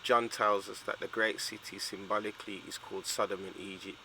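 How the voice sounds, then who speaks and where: A man narrating a teaching video, reading scripture passages aloud in a measured way. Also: fairly low pitch, slight background noise, low-quality recording. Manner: steady, measured reading of quoted texts. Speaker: preacher narrating.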